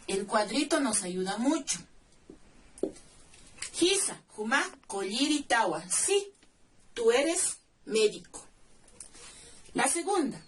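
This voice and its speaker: A woman's voice: a little high, fairly bright tone. A woman teacher explaining grammar step by step, patiently spelling out suffixes and checking in with the listener. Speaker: language teacher. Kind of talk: slow, deliberate classroom explanation. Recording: distant mic with faint background noise.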